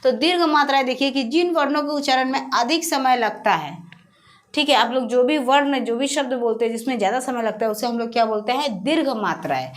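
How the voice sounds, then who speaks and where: High-voiced woman teaching grammar. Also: brisk. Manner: repetitive, asks and answers own questions. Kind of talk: classroom-style explanation over slides.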